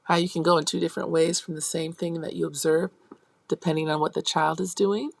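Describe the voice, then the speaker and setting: Woman lecturer, low gravelly voice, dry close sound, explains step by step, acts out children's lines. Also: brisk, no echo. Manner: explains step by step and checks in with the class; acts out teacher and child lines in a high animated voice. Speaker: early childhood education instructor. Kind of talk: college lecture.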